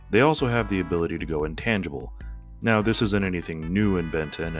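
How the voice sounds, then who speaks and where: Low-voiced guy reading a scripted video essay, pompous on purpose, faint music behind. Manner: deliberately pompous, mocking. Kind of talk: scripted narration.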